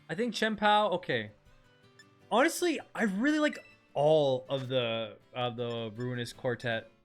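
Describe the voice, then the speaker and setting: Casting: male game streamer, higher-pitched voice, excitable casual chat full of slang and repeated phrases, music underneath.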